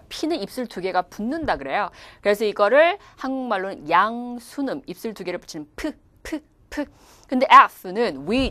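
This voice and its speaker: A woman teaching an English test class, animated and playful as she demonstrates pronunciation. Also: mid-range voice, dry recording. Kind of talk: lively classroom lecture.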